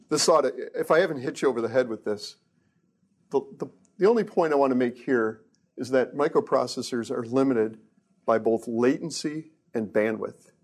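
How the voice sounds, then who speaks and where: A man's voice: mid-range voice, a little mellow. A middle-aged man, a research engineer, giving a casual technical lecture with joking asides and frequent restarts.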